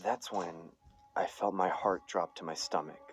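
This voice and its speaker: A young man narrating a scary story in an expressive, suspenseful manner. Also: sits low, measured pace, rough recording.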